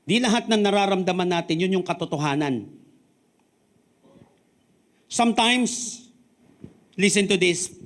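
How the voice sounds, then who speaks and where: High-voiced Filipino pastor preaching. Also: male voice. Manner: switches between Tagalog and English, swings from loud emphatic peaks to quiet low drops. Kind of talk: sermon.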